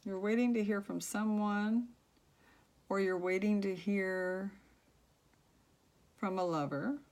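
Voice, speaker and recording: Soft-spoken woman reading tarot. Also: medium pitch. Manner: soft-spoken, halting with many fillers. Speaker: tarot reader.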